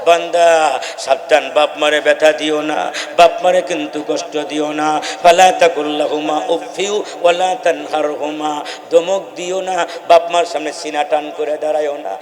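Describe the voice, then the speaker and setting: Preacher man, slow drawn-out sermon, fairly high voice, big echoey hall. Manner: chanting Quranic verses, then shouting and crying in emotional peaks. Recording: echoey hall with long reverb.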